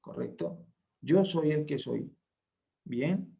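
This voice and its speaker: Slow, emphatic male Bible tutor. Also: a little high, gravelly, mellow. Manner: slow, emphatic, reads verses aloud and checks in with "¿cierto?". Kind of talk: online Bible lesson.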